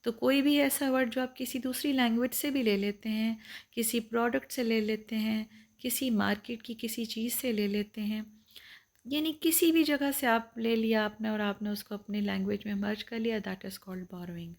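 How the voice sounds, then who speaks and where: A woman teaching English vocabulary in a lecture, patiently explaining each point twice and reading the English definitions slowly. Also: a little high, fairly even intonation.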